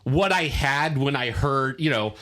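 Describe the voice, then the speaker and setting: Halting man with a lively pitch. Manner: halting, full of fillers and restarts. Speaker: podcast co-host. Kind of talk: casual chat.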